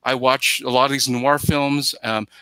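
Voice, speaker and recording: On a rough recording without room sound, a middle-aged man speaks at medium pitch and normal speed, his tone bright, forceful and smooth with fairly even intonation. As a podcast guest on a headset in a plain-room video call, he rambles emphatically through casual film talk and slips into imagined quotes.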